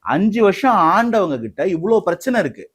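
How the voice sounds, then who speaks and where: A man's voice: high voice, big pitch swings, brisk, slightly rough. A man speaking as a party spokesman in a heated interview, combative and mocking, talking over the interviewer.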